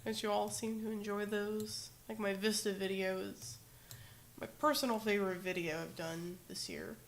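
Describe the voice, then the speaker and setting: A woman of middle pitch talks loosely through a live stream, wandering from thought to thought and correcting herself as she goes. Her delivery is casual and hesitant, full of filler words. Faint room noise and mouse clicks sit quietly behind her. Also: fairly even intonation, normal speed. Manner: rambling, hesitant, heavy with "like" fillers and self-corrections. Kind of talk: casual livestream chat.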